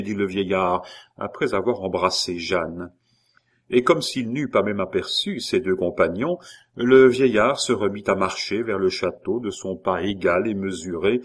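A man reading a classic novel aloud in a measured, expressive way. His voice sits low, and the narration is steady and unhurried. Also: breathy edge. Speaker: audiobook narrator.

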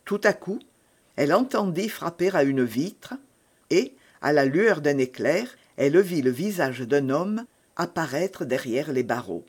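A man reading a classic novel aloud in measured, dramatic narration. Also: fairly high pitch, expressive, husky.

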